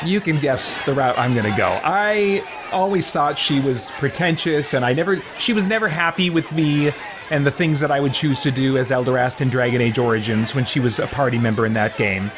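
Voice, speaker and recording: Game sounds and a crowd fill the background of this noisy clip, where a let's-play host in a mid-range voice talks a bit fast. His commentary is casual, chatty, and reflective, with a philosophical bent.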